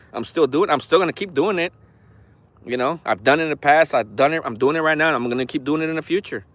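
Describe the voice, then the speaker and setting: This man in his forties speaks a little high and quick, with a slightly bright tone. An RC hobby vlogger, he's chatting on a phone livestream outside near an orchard, frank and rambling, swearing freely and talking tough.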